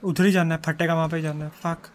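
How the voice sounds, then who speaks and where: A man, giving excitable, swear-filled live gameplay commentary and yelling in panic at the game. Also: on the high side, fast, slight background noise. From India. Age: 20s. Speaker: game streamer.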